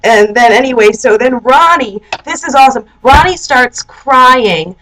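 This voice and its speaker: A woman's voice: high-pitched, animated, a little slow, a bit bright, low-quality recording. A young woman recapping a TV episode in a chatty, sarcastic way, sitting indoors and using "like" constantly. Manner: chatty and sarcastic, heavy use of "like". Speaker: vlogger. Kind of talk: casual TV recap and advice.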